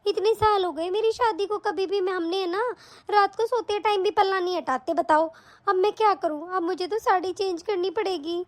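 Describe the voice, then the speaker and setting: A woman voicing a vain, scheming middle-aged mother-in-law in an animated story, grumbling and muttering to herself. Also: very high voice, normal speed. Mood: fretful. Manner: grumbling, muttering, self-pleased.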